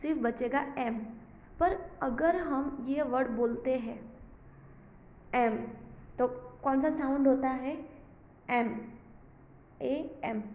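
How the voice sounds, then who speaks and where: A high-pitched woman with an Indian accent teaches a children's grammar lesson. She goes slowly and patiently, spelling out each example sentence. The recording sounds echoey, with faint noise behind her. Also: darkish tone, highs cut off. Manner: slow, patient explaining, reads sentences word by word. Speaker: school teacher.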